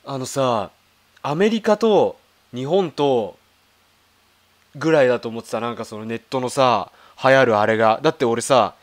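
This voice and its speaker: A man's voice: medium pitch, normal speed. A man making casual reaction commentary as he browses videos, thinking aloud with lots of fillers and questions to himself. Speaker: video creator.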